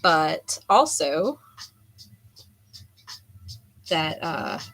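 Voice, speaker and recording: A hoarse woman in her forties, a potter chatting candidly while she throws clay at the wheel. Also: sits low, big pitch swings, extremely slow, a bit bright, slight background noise. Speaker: potter streaming a throwing session. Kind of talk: casual chat while working. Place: pottery studio with lo-fi music on.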